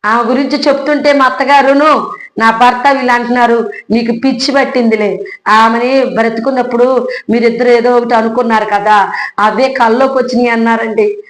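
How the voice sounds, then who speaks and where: A woman's voice: fairly high pitch, steady tone, a little fast. A woman earnestly recounting her personal religious testimony, speaking in a heartfelt storytelling manner and often addressing her listeners politely. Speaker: church member giving testimony. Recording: echoey room.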